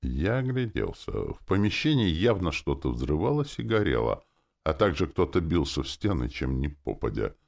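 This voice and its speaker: A man narrating a fantasy story in the first person, his voice very deep with a gravelly, creaky texture. His reading is animated, the pitch moving freely as he tells it. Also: normal speed. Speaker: audiobook narrator.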